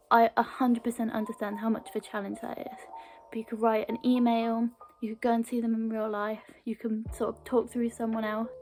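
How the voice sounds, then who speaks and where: Her voice sits a little high but has a dark tone. She's a young British video blogger speaking earnestly and casually to camera, and a mild stammer shows in occasional repeats of short words, all over background music.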